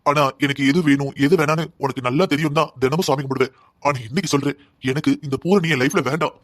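A man's voice: fairly high pitch, fairly even intonation, fast, lightly acted. A man doing a cold, resentful young husband. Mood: pleading prayer. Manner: harsh, contemptuous, defiant. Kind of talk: cartoon drama dubbing.

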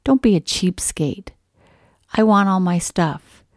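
Woman putting on a cranky greedy pug for a storybook read-aloud, whiny, loud and demanding. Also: medium pitch, takes it slowly, no echo, clean studio sound.

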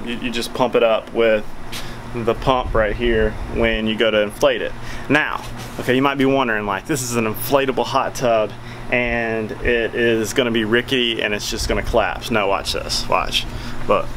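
A man's voice: medium pitch, fairly even intonation, normal speed, a bit bright, slight background noise, poor audio. A man, giving a chatty, folksy product review outdoors on a covered backyard patio, filming with a handheld camera at arm's length. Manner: chatty, filler-heavy, folksy. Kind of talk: casual product review vlog.

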